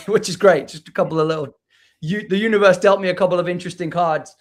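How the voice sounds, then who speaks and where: A man with a Liverpool accent speaks at a fairly high pitch and thinks out loud as a guest in a casual interview chat. He often repeats words and restarts his sentences, talking over a video call. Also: steady tone, a little fast. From England. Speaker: guest poet.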